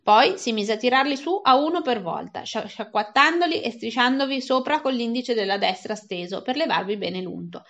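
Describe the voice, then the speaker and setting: Bright-voiced woman reading a children's novel. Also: on the high side, animated, moderate pace, hardly any pauses. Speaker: reader. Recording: dull lo-fi recording.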